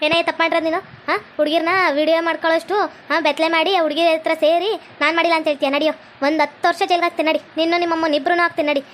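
A woman, scolding and threatening in a village comedy skit. Her voice sits very high and she speaks at a furious pace, with a faint hum of noise behind her. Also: level tone, rapid-fire. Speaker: comedy sketch creator playing a police officer.

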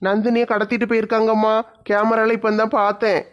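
Guy doing a flat steady village chief asking questions, lo-fi sound, cartoon. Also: sits high, fairly quick, close to an everyday voice. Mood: calm. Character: calm middle-aged male village head. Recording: dull lo-fi sound.

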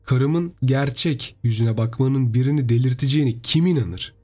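A man narrating a horror story in a steady, storytelling delivery. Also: medium pitch, moderate pace, husky, soft background music.

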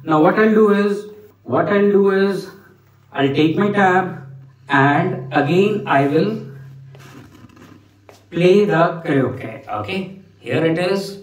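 A man's voice: high-pitched, animated, slow, pauses often. A man in his forties with a North Indian accent, casually presenting a tech demonstration and often tagging his sentences with "okay". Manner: repeats phrases, tags sentences with "okay". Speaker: tech vlogger. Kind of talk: casual product demonstration to camera. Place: indoor room at home. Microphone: wireless lavalier, partly heard through a speaker. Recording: roomy, distant mic, music behind.

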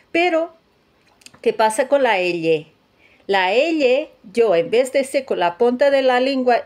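A woman from Portugal speaks in the unhurried, measured way of a language teacher. Her voice sits at an ordinary middle pitch. She repeats each sound several times so learners can copy it, with the odd light laugh. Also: darkish tone. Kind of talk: pronunciation lesson.

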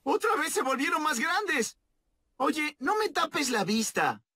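A woman's voice: sits high, sing-song, slow pace, slight background noise, full character voice. A woman voicing a cheerful, playful young girl in a children's show dub, giggling and exclaiming as she talks to the things around her. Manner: giggly, exclaiming, talking to objects. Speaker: dub voice actress. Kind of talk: Latin American Spanish fan dub of a children's show. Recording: loud music behind the voice. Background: loud children's music.

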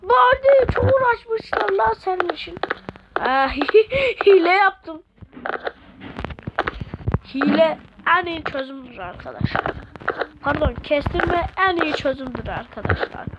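A woman commentates on her game in a very high voice, excitable and quick to grumble at it. The recording is dull and lo-fi, with loud noise underneath. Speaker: gamer.

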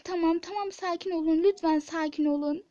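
A woman voicing a patient hospital nurse who talks softly and hesitantly, pleading for calm. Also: very high-pitched, brisk, dull audio. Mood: soothing. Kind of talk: Turkish toy-app drama voice acting.

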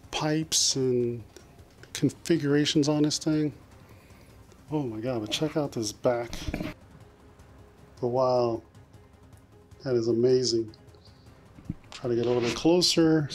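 In an indoor collection room lined with display shelves, a collectibles vlogger in his forties gives enthusiastic, casual unboxing commentary. His medium-pitched voice has a darkish tone as he exclaims over details and swears mildly.

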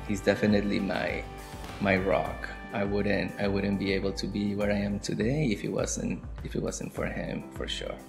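Ecuadorian-accented man, 40s, reflective interviewee on webcam, guitar bed clearly under him. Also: fairly low pitch, normal speed. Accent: Ecuadorian Spanish. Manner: relaxed, reflective, frequent restarts. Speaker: marketing director. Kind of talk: interview to camera. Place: home room by a window.

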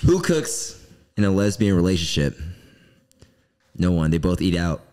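A man's voice: low voice, big pitch swings, a little slow, dark tone. A young man telling dirty jokes in casual banter, with a leering, smutty manner. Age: young adult. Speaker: joke teller. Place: small indoor podcast studio. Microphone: desk microphone on stand.

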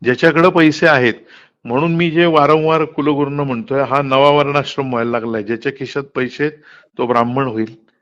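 Over a muffled telephone line, a middle-aged man talks politics candidly, explaining emphatically and throwing out rhetorical questions. His mid-range voice is a bit bright and steady in tone, and he speaks a little fast. The call was recorded from the line.

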